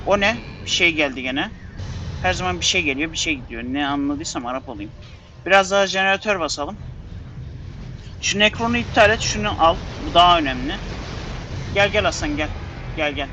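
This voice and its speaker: A man's voice: on the high side, lively intonation, brisk, long pauses, bright, forceful tone, slight background noise. A man giving casual let's-play commentary, muttering to himself in exasperation and urging his units on. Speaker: gameplay commentator.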